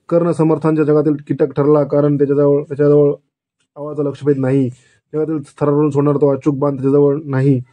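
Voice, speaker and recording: A man narrating a novel in the first person, reading slowly and deliberately. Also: on the high side, dark tone. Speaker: audiobook narrator.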